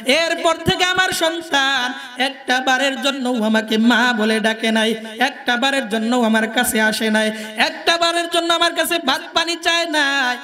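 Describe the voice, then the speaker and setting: A man's voice: very high-pitched, a little slow, pushed and bright, long reverb tail, soft background music, full character voice. A man voicing a grieving mother who pleads with her husband in a plaintive tone. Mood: pleading.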